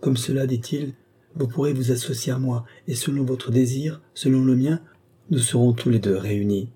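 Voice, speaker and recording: A dying old marquis haunted by terror of hell speaks in a broken, trembling voice, read by a man. The voice is husky and dark. Storybook narration. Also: medium pitch, moderate pace, pitched above the performer's own voice, close to an everyday voice. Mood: anguished.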